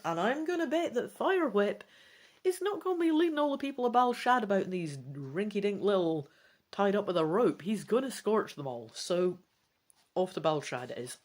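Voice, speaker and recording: A woman with a medium-pitched, darkish voice hosts a gamebook playthrough. She shifts back and forth between theatrical reading and easygoing, talkative commentary.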